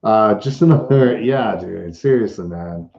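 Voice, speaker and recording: A male livestream host chatting casually through a Q&A, often stumbling and restarting his sentences. His voice is mellow and dark in tone. It sits in a roomy, echoey space with a dull, lo-fi stream sound. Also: on the low side, creaky. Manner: halting, restarts often while reading viewer comments. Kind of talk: casual live Q&A chat.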